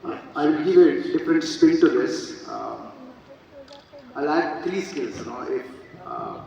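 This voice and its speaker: A man, speaking as a panelist and laying out his points one by one in a measured way. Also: fairly high pitch, animated, vocal fry, crowd noise. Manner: measured, lists points in order. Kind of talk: panel talk. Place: large event hall with audience. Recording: distant echoing hall, audience noise.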